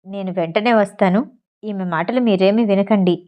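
A woman voicing a suspicious, stern male gang member in an audio novel, giving gruff, distrustful orders in a lowered voice. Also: normal speed, warm tone, close to an everyday voice.

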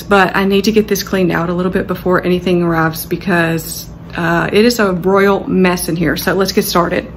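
A woman's voice: lowish voice, slight background noise. A woman in her thirties chatting casually as she shows a grocery haul, rambling with fillers, recorded on a phone camera in her home kitchen. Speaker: lifestyle vlogger. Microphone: handheld phone camera.

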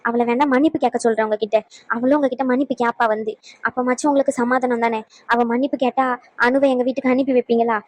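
An apologetic cartoon grandmother pleading quickly to make peace, voiced by a woman. Her voice sits high and is recorded dry and close. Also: fairly even intonation, no room sound, close to an everyday voice. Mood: conciliatory. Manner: pleading, conciliatory.

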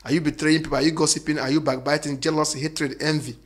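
A man preaching emphatically, repeating phrases and swinging between loud declarations and quiet asides. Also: on the high side, level tone, quick pace. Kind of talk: preaching monologue.

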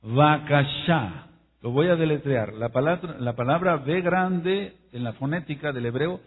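Male preacher, sermon, husky voice, tinny phone-like sound. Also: a little high. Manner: emphatic, rising and falling, slows to spell out words. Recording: echoey hall over a tinny phone-like line.

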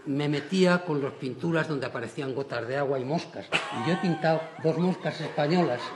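A man's voice: a little high, fairly quick, noisy background. An older man, a painter speaking on a panel in a large auditorium, who chuckles often and restarts his phrases. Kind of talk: panel discussion.

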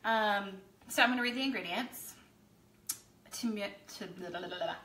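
Bubbly woman, bright sound and bouncy pitch, echoey room. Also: normal speed. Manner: bubbly, self-deprecating. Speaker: co-host. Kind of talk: casual chat while mixing drinks.

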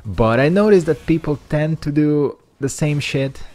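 With a slightly high, expressive voice of dark tone, delivered a little slowly, this young man comments casually over his fighting game footage. He hosts a gaming channel, is a native Hungarian speaker, and rambles with loose slang and lots of fillers.

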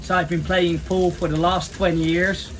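A man's voice: high voice, little pitch movement, moderate pace, a little hiss or hum. Upbeat man vlogging from his sailboat. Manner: upbeat, chatty, addresses viewers as guys. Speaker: sailing vlogger. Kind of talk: casual vlog to camera. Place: cabin of a sailing yacht. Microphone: phone or action camera at arm's length.

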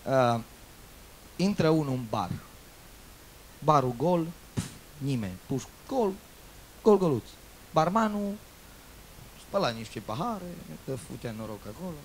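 A man telling jokes, swinging between loud outbursts and muttered asides. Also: a little high, big pitch swings, pauses often, slight background noise. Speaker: joke teller. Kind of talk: telling jokes with acted-out voices.

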